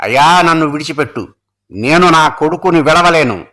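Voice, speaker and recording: Devoted queen voiced by a male reader, earnest and pleading, bright-toned. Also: on the high side, animated, normal speed.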